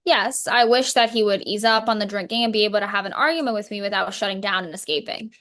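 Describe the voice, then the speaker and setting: A woman's voice: mid-range voice, fast talker, fairly bright tone, lightly acted. Firm, fed-up wife, played by a woman. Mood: guarded. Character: worried, fed-up wife and working mother. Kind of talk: counselling role-play.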